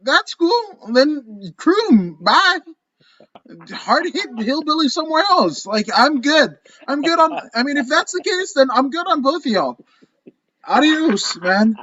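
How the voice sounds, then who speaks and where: A man co-hosting a casual podcast chat, animated and profane, rambling through his rants. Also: extremely high pitch, normal speed, hardly any pauses, dull audio, crowd noise. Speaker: co-host.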